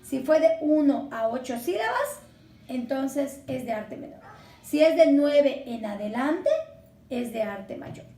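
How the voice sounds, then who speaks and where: Woman teacher from mexico going slow through a lesson, sounding out syllables, echoey room. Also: high voice, expressive, mellow. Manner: slow, patient, spells words out syllable by syllable. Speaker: secondary school Spanish teacher. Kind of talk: recorded lesson explanation.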